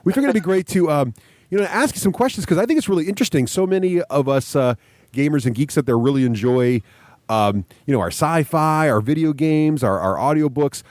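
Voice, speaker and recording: A man's voice: a little high, lively intonation, fairly quick, a little mellow, no room sound. A man chatting casually and enthusiastically as a podcast host.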